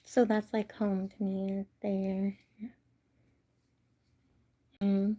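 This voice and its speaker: A young woman from California chatting casually with her livestream viewers, soft-spoken and often slipping into whispers. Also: mid-range voice, completely flat delivery, very slow. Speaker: livestream host.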